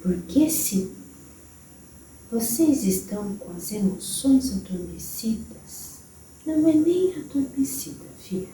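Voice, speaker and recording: Brief: a woman playing an old grandmother spirit with a Brazilian accent, high and lilting, unhurried motherly counsel, soft whispers, roomy distant sound. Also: expressive. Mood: tender. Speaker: spirit medium. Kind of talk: channeled spiritual message. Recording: roomy distant recording with faint hiss.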